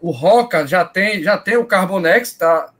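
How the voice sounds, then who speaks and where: A man's voice: high-pitched, unhurried, a bit bright. A man with a Brazilian Portuguese accent hosting a casual live show, addressing people in chummy slang. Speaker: host of a running live stream.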